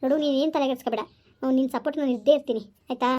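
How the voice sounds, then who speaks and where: A man, playing a calm grown son who soothes his wife and coaxes his mother in a homemade village family drama. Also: very high voice, very fast, muffled recording. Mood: coaxing. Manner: soothing and reassuring, repeats 'okay?'. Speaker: village skit actor.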